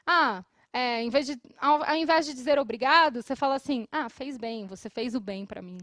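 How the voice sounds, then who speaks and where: A Brazilian woman teacher with a high, bright voice walks students through English phrases, pausing to repeat each one slowly and laughing between explanations. The sound is dry and close, with no room echo. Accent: Brazilian Portuguese. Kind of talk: televised classroom lesson. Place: studio.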